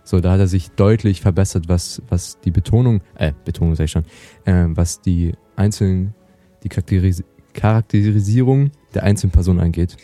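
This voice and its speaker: A young man chatting casually as a podcast host, excitable and gushing, with lots of fillers and restarts. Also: low voice, fairly quick, soft background music. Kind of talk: casual chat.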